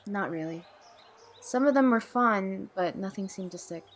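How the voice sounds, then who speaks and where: A woman speaks at a measured pace with a medium-pitched voice, playing the guarded, troubled young Nicole, who is awkward and wary. Her hesitant, plain delivery carries a guarded, confessional mood. It's audio drama dialogue done as naturalistic amateur acting.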